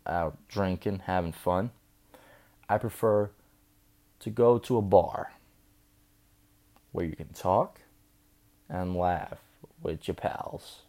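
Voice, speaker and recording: Drunk, slurring man rambling, deep and mellow. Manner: loose, profane, chatty. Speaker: vlogger. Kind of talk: rambling storytelling.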